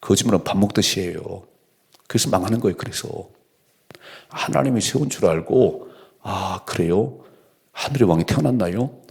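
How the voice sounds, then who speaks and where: A man's voice: lowish voice, gravelly, darkish tone. A male pastor giving an early-morning sermon, reading scripture aloud and preaching in a conversational way full of rhetorical questions. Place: church.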